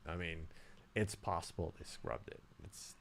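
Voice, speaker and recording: A man co-hosting a casual talk show, rambling with lots of fillers and loudly hyping the next segment. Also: deep voice, animated, a little slow, vocal fry, a little hiss or hum. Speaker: podcast co-host. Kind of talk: casual chat.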